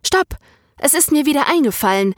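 A woman's voice: medium pitch, lively intonation, moderate pace, no room sound, close to an everyday voice. Audiobook part: a woman playing a blunt, eager young woman, dry close sound. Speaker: story character.

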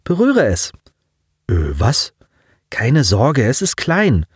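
A man voicing a calm, clever teenage girl. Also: medium pitch, slow pace, breathy edge, dry recording, clean studio sound, voice pushed up, exaggerated voice. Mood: teasing.

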